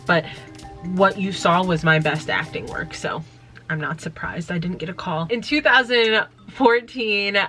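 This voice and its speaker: A woman's voice: fairly low pitch, bright, forceful tone. A woman in her thirties hosting a casual storytime video, talking in a chatty, joking way and making self-deprecating asides. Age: 30s. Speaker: YouTube host.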